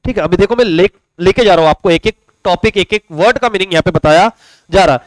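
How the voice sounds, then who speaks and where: A man's voice: high voice, fast, no room sound, rough recording. A young man teaching an online commerce class in a chatty, joking way, calling his students "beta". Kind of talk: casual online class lecture.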